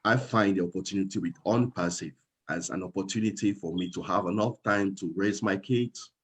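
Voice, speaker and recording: Being interviewed casually as a guest, a young Cameroonian man from the Northwest speaks hesitantly, often restarting and using fillers. He has a low, slightly rough voice and a fairly quick pace.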